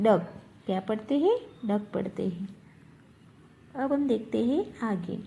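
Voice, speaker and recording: Slow, soft-toned woman teacher spelling words. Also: mid-range voice, vocal fry, slight background noise. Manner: spells words out letter by letter and repeats them; asks questions and answers them herself. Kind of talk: slow classroom revision lesson.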